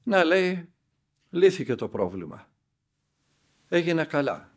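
An older man, an elder monk, tells a spiritual story and acts out the dialogue with lively emphasis. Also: fairly high pitch.

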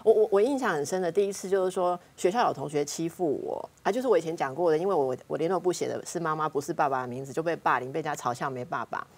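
Fast-talking husky Taiwanese Mandarin woman. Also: deep voice. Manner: lively anecdotes, acting out family members' words. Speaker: counselor guest on a talk show. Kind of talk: casual talk-show storytelling.

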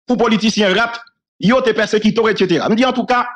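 A man's voice: sits high, quick pace. A man with a Haitian accent recounting a conversation in a casual monologue, acting out the other person's lines and laughing often. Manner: animated retelling, acts out quoted dialogue, laughs often.

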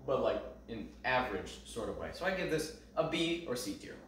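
Bright, jokey young man in echoey room. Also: mid-range voice, big pitch swings, fairly quick, slight background noise. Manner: playful, mock-boastful, jokey. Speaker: co-host and cameraman. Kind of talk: casual chat. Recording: very echoey room, far from the mic.

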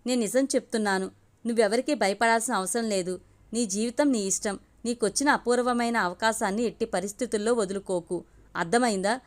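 A soothing, coaxing young woman in a storybook reading, as a female narrator gives her voice. She talks softly and steadily, urging her friend to be brave. The voice sits a little high. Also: brisk, close to an everyday voice. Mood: encouraging.

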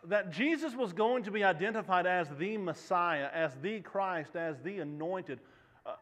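With a high-pitched, slightly bright voice at normal speed, a thirty-something preacher moves around the stage, gesturing and questioning the congregation. The sanctuary gives the sound a long reverb.

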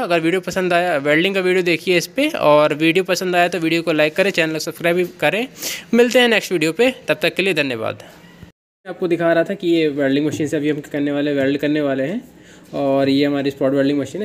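Somewhat high and a bit bright, a man's voice carries a casual on-camera product demo from a small indoor room. He's the seller, and his speech is full of fillers, repeated "kya" questions to himself, and self-corrections.

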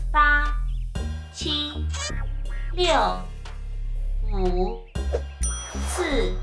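A woman voicing a cartoon spaceship computer, a glitching robot that counts down slowly and mechanically, repeating itself. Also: sits high, reverberant, exaggerated voice. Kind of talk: cartoon voice acting.

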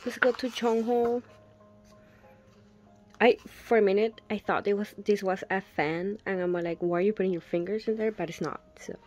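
A woman's voice: mid-range voice, steady tone, moderate pace, soft background music. A young woman gushing through a photobook unboxing, gasping and whispering little asides as she looks at each picture. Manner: gushing, breathy gasps and soft whispered asides. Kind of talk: casual unboxing commentary.

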